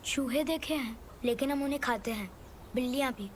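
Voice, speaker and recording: A woman voicing a frightened, clingy little boy in a film dub, who talks in a high, pleading whimper. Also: brisk, background noise, lightly acted. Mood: curious. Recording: loud film score behind.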